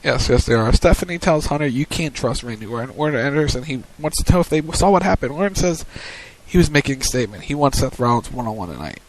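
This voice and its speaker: A man's voice: mid-range voice, lively intonation, quick pace, hardly any pauses, low-quality recording. A man co-hosting a wrestling post-show on web radio, recapping segments and calling matches like a commentator. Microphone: studio mic on a web radio show.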